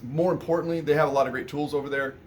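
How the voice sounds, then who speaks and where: A man's voice: fairly high pitch, steady tone, racing, slight background noise. A man who owns an auto repair shop, talking casually in a rambling way about what's going on at his shop. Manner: rambling, conversational, many restarts and fillers. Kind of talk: casual shop update vlog.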